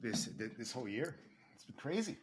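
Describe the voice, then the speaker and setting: A man's voice: medium pitch, very animated, brisk. A man in his forties co-hosting a podcast, chatting casually in a laid-back, slangy, self-deprecating way. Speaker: podcast co-host. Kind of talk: casual chat.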